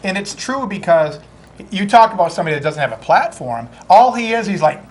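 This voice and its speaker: A man co-hosting a relaxed talk show, chatting about politics. He keeps things casual and often mimics the people he describes. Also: high-pitched, brisk. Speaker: co-host.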